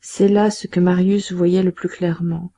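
Woman reading a novel aloud, mellow. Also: lowish voice. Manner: measured, steady reading. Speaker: audiobook narrator. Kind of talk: scripted narration.

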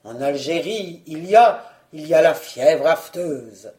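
Woman playing a nervous hesitant baron, lower placating voice, mellow lively storybook reading. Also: a little slow, reverberant, lightly acted. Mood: evasive. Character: timid, evasive middle-aged baron collector.

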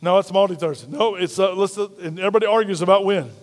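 A man's voice: sits high, fast talker. A man preaching a sermon as pastor, emphatic and repetitive, calling on the congregation to repeat lines back. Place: church sanctuary. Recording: reverberant hall.

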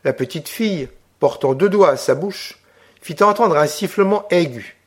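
A man giving a scripted narration of a classic novel. He reads in a steady, measured literary manner. His voice sits slightly high for a man. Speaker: audiobook narrator.

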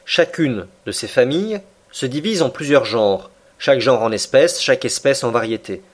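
A man narrating an audiobook in a steady, measured reading voice. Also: medium pitch. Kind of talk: scripted narration of a classic novel.

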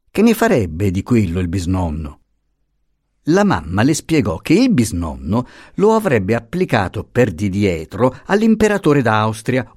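A man giving an expressive, dramatic reading of a novel as an audiobook narrator. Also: on the low side, no echo, clean studio sound. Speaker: audiobook reader.

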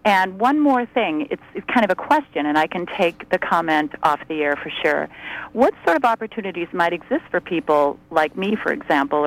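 A woman's voice: sits low, low-quality recording. An older woman, a retired teacher, calling in over the phone to a radio talk show and chatting earnestly. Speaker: caller. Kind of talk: casual call-in chat.

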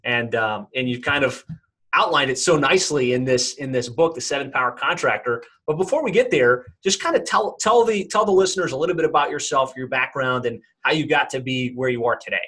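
A man's voice: mid-range voice, expressive, brisk, fairly bright tone, husky, rough recording. A man hosting a podcast interview, introducing his guest with plenty of fillers and repeated words. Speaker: podcast host.

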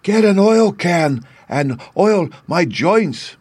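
A man voicing a polite, grateful man made of tin, rusted stiff, in an earnest storybook character voice with drawn-out words. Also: on the high side, lively intonation, dry recording, voice pushed up. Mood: pained, pleading.

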